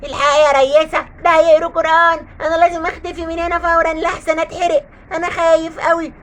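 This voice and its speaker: A squeaky, jittery ghost minion put on by a woman, a cowardly little male spook with an Egyptian Arabic accent. He rattles off his words at breakneck speed in a high voice, in a children's cartoon skit. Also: flat delivery, fast. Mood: panicked. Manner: squeaky, frantic chatter.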